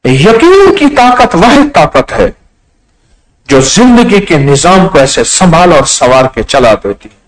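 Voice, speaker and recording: A man delivers a storytelling sermon in a somewhat high voice. His delivery is lively, with wide swings of pitch. He slips into the voices of the people in his anecdotes. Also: poor audio. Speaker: religious speaker.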